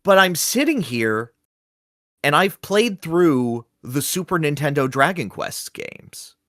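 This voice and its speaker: A man co-hosting a podcast in casual gaming chat, animated and slipping into quick comic voices when quoting things. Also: on the high side, no echo, studio quality. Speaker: podcast co-host.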